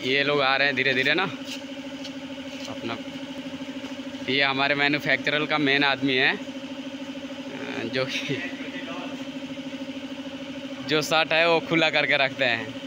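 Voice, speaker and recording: Filmed on a handheld phone, this Indian man walks through a big workshop and its yard, giving informal, repetitive vlog commentary on the factory. His pitch is medium and his tone steady, with a slow pace, long pauses, and a noisy background.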